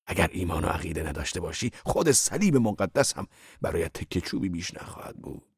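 Deep, gravelly male narrator. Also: no echo, studio quality. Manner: measured, even storytelling. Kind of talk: audiobook narration.

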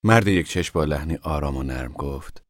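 A man reading a novel aloud as narrator, in a calm and measured way. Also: rumbling low, no echo, studio quality. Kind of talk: scripted audiobook narration.

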